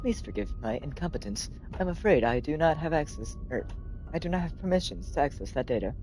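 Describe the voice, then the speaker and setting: A man's voice: on the high side, lively intonation, a little fast, darkish tone, faint music behind, voice pushed up. A man doing a stiff, polite robot assistant. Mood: formal. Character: helpful formal male robot assistant.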